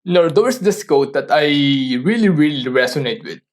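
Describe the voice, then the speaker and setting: A podcast host whose first language is Tagalog gives a motivational solo talk in a fairly high, lively voice. He coaches listeners earnestly and poses rhetorical questions to them. His delivery is halting, with frequent restarts of sentences.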